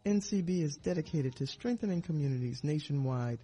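Dark, husky male announcer. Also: fairly high pitch, animated, fairly quick. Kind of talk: scripted sponsor announcement.

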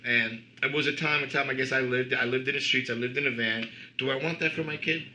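A man's voice: medium pitch, fairly even intonation, fast talker, pushed and bright, slight background noise, low-quality recording. A middle-aged man from Cuba, a band member guest, telling rambling stories in casual chat with lots of "you know".

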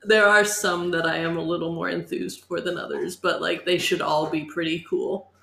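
A woman's voice: lowish voice, steady tone, moderate pace, creaky, echoey room. A woman narrating as game master in an informal, conversational way. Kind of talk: casual tabletop game narration.

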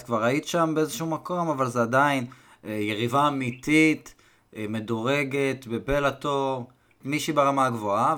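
A man hosting a podcast interview, asking questions in a loose, conversational way with frequent pauses. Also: medium pitch, a bit bright. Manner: conversational, hesitant, lots of filler pauses. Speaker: podcast host. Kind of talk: casual interview.

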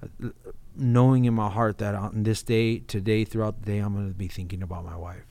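A man's voice: fairly low pitch, fairly even intonation, fairly quick, dark tone, dry recording. A man talking casually and earnestly in an informal, heartfelt conversation, often addressing his listener as bro. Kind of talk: casual heartfelt conversation about faith and marriage.

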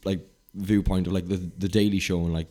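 A young man chatting on a podcast, stammering and animated as he tells a story. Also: low voice, brisk. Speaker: podcast co-host. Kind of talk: casual chat.

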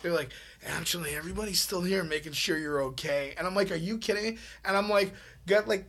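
A man with a high, bright voice tells a story in a loose, casual chat. He gets animated and laughs as he talks. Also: fast talker. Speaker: comedian.

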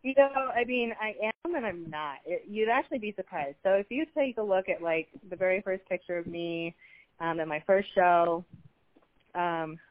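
A woman's voice: on the low side, normal speed, no echo. Chatty woman, slightly dull dry sound. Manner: chatty, rambling, laughs easily. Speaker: fitness competitor guest. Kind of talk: casual chat.

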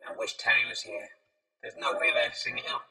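A man speaking through a robot voice filter, reading flatly like a mechanical voice. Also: a little fast, big-room sound, heavily acted, rough recording. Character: male robot voice. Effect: robot voice filter, very high-pitched.

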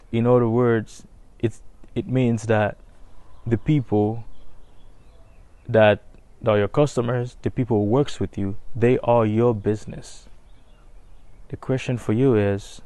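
Slow, dark-voiced man from Haiti. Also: on the low side, smooth. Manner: hesitant, many fillers and restarts. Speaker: businessman, call center manager. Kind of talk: motivational talk.

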